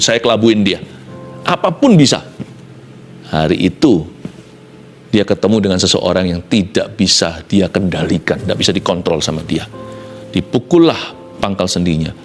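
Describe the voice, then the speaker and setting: A pastor preaching a sermon with dramatic delivery, mixing in English phrases and dropping to soft pleading when he acts out quotes. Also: mid-range voice.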